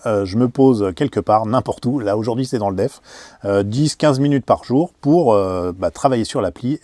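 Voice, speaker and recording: A man's voice: on the low side, darkish tone, dry recording. A man travel vlogger explaining things casually, hesitant with many fillers.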